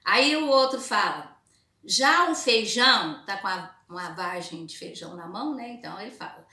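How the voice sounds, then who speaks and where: Brazilian teacher, woman, a little hoarse, bright tone, echoey room, exaggerated pronunciation for kids. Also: lowish voice. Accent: Brazilian Portuguese. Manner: slow, lively, exaggerated pronunciation, frequent "né?". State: slightly hoarse. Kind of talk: recorded remote lesson to children.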